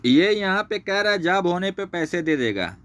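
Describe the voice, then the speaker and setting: A man's voice: sits high, sing-song, normal speed, a bit bright. A man ranting angrily, swearing constantly and repeating himself while pointing things out on screen. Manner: angry, heavily profane, repetitive. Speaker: channel host exposing a former associate. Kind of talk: screen-share rant.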